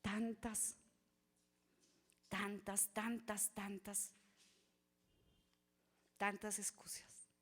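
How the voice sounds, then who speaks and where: A woman's voice: medium pitch, level tone, very slow, pauses often. Lady preaching in church, all fired up then dropping to a whisper. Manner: impassioned, swings from loud cries to hushed whispers. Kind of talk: sermon. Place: church sanctuary.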